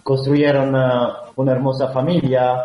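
A man from Italy, speaking with an Italian accent as an interview guest, talking in a halting way full of fillers and restarts. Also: mid-range voice, level tone. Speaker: guest, actor. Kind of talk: conversational interview. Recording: roomy, dull lo-fi sound.

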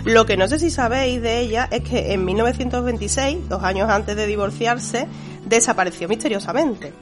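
A woman's voice: a little high, fairly quick. A woman with a Spain accent and a cold-congested voice, explaining things in casual chat as a radio book columnist. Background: music behind the voice.

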